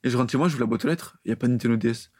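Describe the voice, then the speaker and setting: A man's voice: mid-range voice, racing, a little mellow, no echo, clean studio sound. A young man co-hosting a podcast, telling stories casually with lots of fillers. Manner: rambling with many fillers. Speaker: podcast co-host. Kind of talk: casual chat, storytelling.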